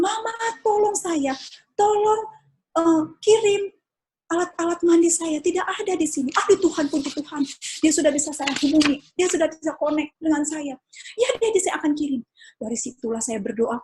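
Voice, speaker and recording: A woman's voice: high voice, a little mellow, slightly rough. An older woman giving an emotional personal testimony as a pastor's wife, at times crying out and pleading as she relives events. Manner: cries out and pleads when reliving moments.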